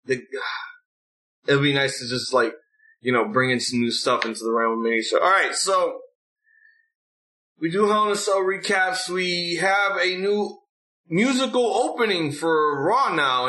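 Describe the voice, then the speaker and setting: A man's voice: fairly high pitch, expressive, a little slow, sharp tone, poor audio. A man hosting a recap show in a casual, opinionated rant, blunt and full of swearing. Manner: blunt, profane. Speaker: host of a wrestling recap show.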